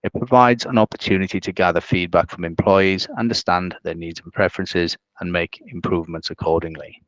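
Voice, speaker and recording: A male financial adviser giving a measured, businesslike explanation on a video call. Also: sits low, fairly even intonation, no room sound.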